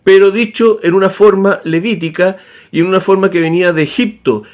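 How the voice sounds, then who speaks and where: A man explaining history in an informal spoken lecture, animated and full of tag questions and restarts. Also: high voice, fairly quick.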